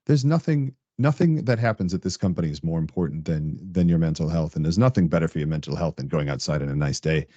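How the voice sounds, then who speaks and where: A man as a guest on a podcast, chatting casually and telling animated stories, laughing often. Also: rumbling low, fast, few pauses, no room sound, dull audio. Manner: animated storyteller, laughs often, acts out coworkers' lines. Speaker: podcast guest, tech director. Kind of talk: casual interview chat.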